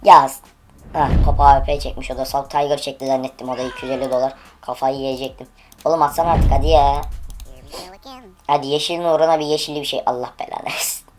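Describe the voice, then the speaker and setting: A woman's voice: rumbling low, little pitch movement, fast talker, slight background noise. A woman streaming an online case-opening game, giving live commentary in an impatient, profane way as she urges each spin aloud.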